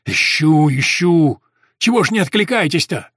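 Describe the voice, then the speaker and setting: Man playing a keen young soldier runner, raised pitch, loud and rattling off words, storybook reading. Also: husky, no echo, clean studio sound. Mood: eager. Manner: rapid, rustic chatter. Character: chatty young male army messenger, eager.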